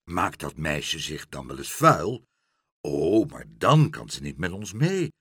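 A man's voice: extremely low pitch, sing-song, slow, a bit bright, breathy edge, dry recording, studio quality, voice pushed down, exaggerated voice. A man doing a flustered, chaotic father. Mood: mock-proper. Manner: exclamatory, overly polite when acting proper.

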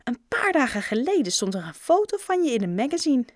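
A woman puts on an eager storybook shopkeeper, a grown man who never stops pitching deals. His patter comes raised and loud, bright and close. The voice sits dry against the mic, with no room around it. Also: big pitch swings, a little fast, dry recording. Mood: eager salesman. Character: chatty grown male shopkeeper, pushy salesman.

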